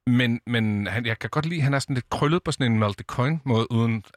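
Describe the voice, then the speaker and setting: A man's voice: mid-range voice, no room sound. A male radio host chatting casually about music in the studio, hesitant and searching for words.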